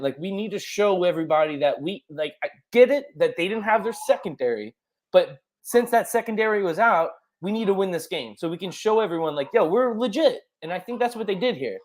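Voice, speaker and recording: A young man co-hosting a casual sports podcast, excitable and rambling with lots of fillers. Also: high-pitched. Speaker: podcast co-host.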